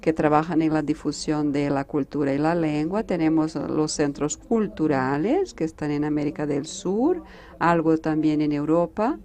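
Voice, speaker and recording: A Brazilian woman diplomat, a native Portuguese speaker, addresses a conference panel with a Brazilian accent. She's measured and halting, often restarting her sentences, and her voice is fairly low with a dark tone.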